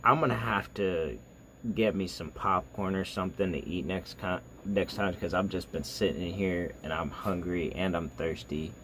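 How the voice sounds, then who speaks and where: A man with a fairly low voice chats casually while reacting, rambling and stumbling over his words with lots of fillers. Faint noise hums behind him. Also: a bit bright. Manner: rambling, halting, filler-heavy. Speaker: reaction video host. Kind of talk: casual chat.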